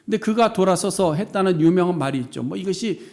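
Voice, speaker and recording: A man preaching a sermon as pastor of a church, animated and dramatic, voicing the complaints he quotes. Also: fast talker. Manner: animated, acts out quoted laments with rising pitch and volume.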